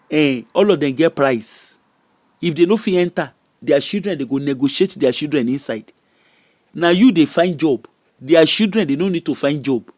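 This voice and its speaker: Nigerian guy w yoruba accent going off in pidgin, highish voice, no room echo, mocking questions, says stuff twice for emphasis. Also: studio quality. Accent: Nigerian, Yoruba-influenced. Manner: emphatic, repeating phrases, mocking rhetorical questions. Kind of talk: animated informal political rant in Pidgin.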